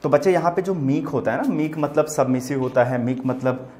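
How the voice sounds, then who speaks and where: A man's voice: fairly high pitch, fairly quick, a little mellow. A man with an Indian accent teaching an online vocabulary lesson, explaining word meanings patiently, addressing students as children and spelling words out letter by letter. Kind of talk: online exam-prep lesson.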